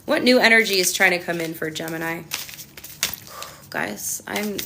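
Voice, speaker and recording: A woman's voice: on the low side, measured pace, vocal fry, background noise. A young woman reading tarot cards and chatting with her viewers, passionate and ranting as she talks. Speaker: tarot reader. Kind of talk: casual tarot reading answering live chat.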